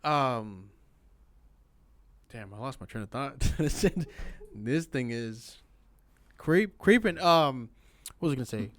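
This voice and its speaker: A male podcast host with a smooth, resonant voice talks in an easygoing, slightly hesitant way. The sound is close and dry, with no room around it. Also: mid-range voice, expressive, slow, long pauses, no room sound. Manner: easygoing, hesitant, laughs along. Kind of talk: casual chat.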